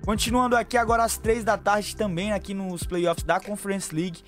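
Homem animado dando palpites de apostas. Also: male voice, high-pitched, flat delivery, a bit bright, faint music behind. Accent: Brazilian Portuguese, São Paulo fan. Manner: brisk, chummy, calls viewers family and partner. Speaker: sports betting tipster. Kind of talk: fast betting tips over screen share. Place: small room at home.

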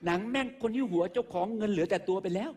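A man's voice: sits high, very fast, darkish tone, slight background noise. A man doing a stand-up comedy monologue on a live stage, crude, profane and mocking in how he talks. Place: live stage show with an audience.

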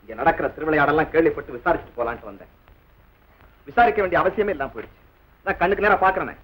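A fast, lively indignant relative, old film hiss. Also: male voice, on the high side, rough recording. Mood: bitter. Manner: reproachful, dignified. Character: stern indignant male relative. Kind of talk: classic film dialogue. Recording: hissy old film soundtrack.

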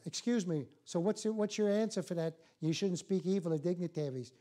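An older man preaching a church sermon in an animated, folksy, joking way, putting rhetorical questions to his listeners. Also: sits high, brisk. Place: church sanctuary, in front of a small congregation.

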